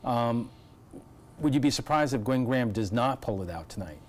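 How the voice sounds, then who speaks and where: A man's voice: mid-range voice, expressive, normal speed, a little hiss or hum. A man hosting live election night coverage as a news anchor.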